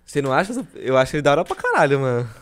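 Man, casual podcast chat, slangy, swearing, mid pitch. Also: wildly swooping pitch, racing, noisy background. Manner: slangy, swearing, laughs often. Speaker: podcast co-host.

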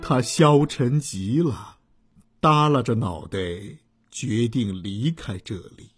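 A woman narrating a children's story slowly and expressively. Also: extremely low pitch, slightly rough. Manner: slow, expressive, gentle. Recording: soft violin music behind.

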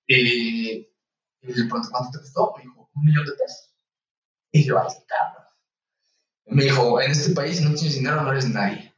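A young Mexican man, a medical student, telling a story casually and lively, acting out the voices of the people in it. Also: mid-range voice, normal speed, distant mic. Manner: animated, acts out voices in anecdotes. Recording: echoey room, voice off-mic, slightly dull.

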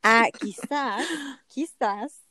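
A young woman with a Chilean accent, recounting a story in animated, slang-filled casual chat. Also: on the high side, drawn-out words, dry recording.

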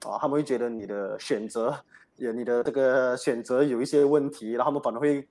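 A man's voice: medium pitch, steady tone, a little fast, a little mellow. A man hosting an advice show, talking casually with many fillers. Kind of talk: casual radio talk.

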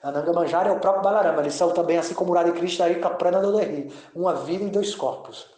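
A man giving a devotional audio talk as a spiritual teacher, speaking haltingly and drawing out chanted mantras. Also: high-pitched, dark tone, roomy sound.

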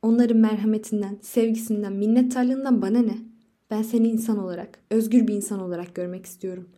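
A woman reading a story aloud voices a desperate, defiant young wife, speaking out loudly and passionately in a dark, mellow tone. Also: mid-range voice, fairly even intonation, fast, natural voice. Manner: loud, impassioned pleading. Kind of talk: audiobook reading.

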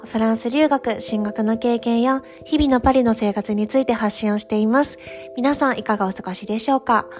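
A woman's voice: a little high, darkish tone. A woman hosting a solo podcast as a coach, chatting to her listeners in a conversational, encouraging way. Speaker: podcast host and France study-abroad career coach.

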